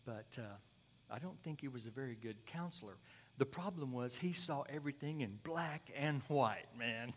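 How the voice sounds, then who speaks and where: A man's voice: medium pitch, lively intonation, normal speed. Folksy male preacher telling a story. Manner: folksy, conversational with asides. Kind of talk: sermon storytelling. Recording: long hall reverb.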